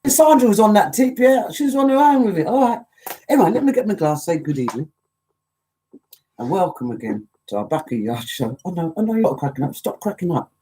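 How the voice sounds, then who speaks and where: A woman DJ hosting a live show, chatting casually, joking and giving shout-outs to listeners. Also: fairly low pitch, a little fast, slight background noise, poor audio. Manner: chatty, animated, jokey. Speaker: DJ and show host.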